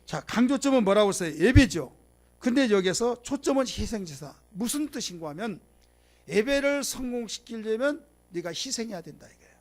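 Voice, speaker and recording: A man preaching a Bible lecture to a congregation. He leads call-and-response, has them repeat phrases, and swings from loud emphasis to quiet asides. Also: high-pitched, expressive, moderate pace. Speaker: pastor. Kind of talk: sermon lecture.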